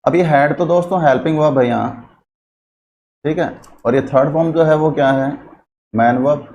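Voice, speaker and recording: Male teacher, fairly high voice, question-and-answer lecture, faint hiss. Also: moderate pace, a little mellow. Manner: asks the class questions and answers them himself; mixes English terms into his Hindi. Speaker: English teacher. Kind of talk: classroom grammar lecture.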